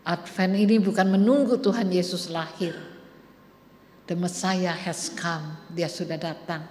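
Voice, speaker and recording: A woman's voice: fairly low pitch, fairly even intonation, measured pace, darkish tone. A woman preacher giving an earnest storytelling sermon in a church. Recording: echoey church hall, faint noise.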